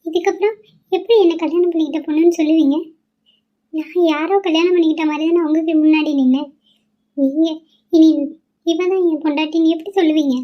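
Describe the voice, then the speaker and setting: A woman's voice: extremely high pitch, fairly even intonation, quick pace, long pauses, lo-fi sound. A woman voicing a heartbroken young newlywed wife in a cartoon, speaking in a tearful, pleading way. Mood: grieving. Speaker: cartoon character voice. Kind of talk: cartoon voice acting.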